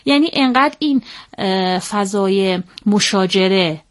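Woman, parenting expert guest, interview, measured methodical explaining, middling pitch, rephrases as she goes. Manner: measured, methodical, often pauses on fillers to rephrase.

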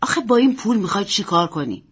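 A woman's voice: mid-range voice, sing-song, slightly rough. A woman voicing a jovial grown uncle who speaks in a teasing, coaxing way. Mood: wary. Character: jovial grown uncle, amused then wary.

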